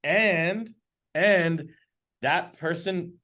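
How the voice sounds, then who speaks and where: A man who runs an agency, a podcast guest in casual interview talk, earnest and animated and quick to laugh, heard over a video call. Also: high voice.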